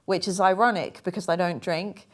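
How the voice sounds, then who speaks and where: Young woman, fairly low voice; relaxed, rambling artist chat with fillers. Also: normal speed. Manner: chatty, rambling, hesitant with fillers. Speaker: artist talking through her paintings. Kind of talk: casual chat.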